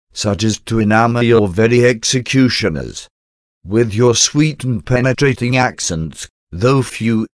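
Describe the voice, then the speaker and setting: Male reader for a devotional prayer, lowish voice, slow reverent delivery, dry recording. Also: dry recording. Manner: slow, reverent, measured recitation.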